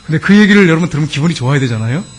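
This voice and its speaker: A man preaching a sermon as a pastor, telling a story to his congregation and slowly reciting love poems with fervor. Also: on the high side, expressive, husky.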